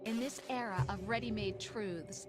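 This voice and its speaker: An actress playing a detached female AI who speaks in a soft, measured, taunting way. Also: mid-range voice, close to an everyday voice. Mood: coolly taunting. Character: detached female AI voice, cold and mocking. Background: game soundtrack music.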